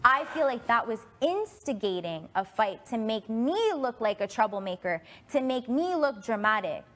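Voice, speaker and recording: A woman's voice: a little high, big pitch swings, moderate pace, fairly bright tone. A woman on a reality show retelling events emphatically and acting out what others said. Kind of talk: storytelling in an argument.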